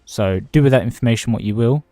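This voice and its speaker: A man talks casually on his livestream from home and greets viewers as he goes. He rambles from one thought to the next in a chatty way at an ordinary middle pitch. The sound is dry and close, with faint music underneath. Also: fast, dark tone, no room sound. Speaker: livestreaming gamer.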